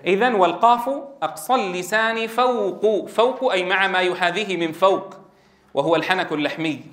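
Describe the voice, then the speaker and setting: High-voiced male tajweed teacher. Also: echoey room. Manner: explains slowly, then demonstrates sounds with loud repeated syllable drills. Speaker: Quran recitation teacher. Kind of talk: tajweed lesson with spoken drills.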